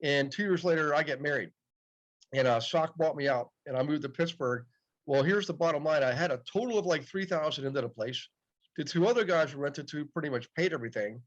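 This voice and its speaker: Through muffled, dull audio comes a slightly fast, higher-pitched male voice. He is a podcast guest in his late fifties, spinning stories casually in a conversational interview and answering "yep" a lot.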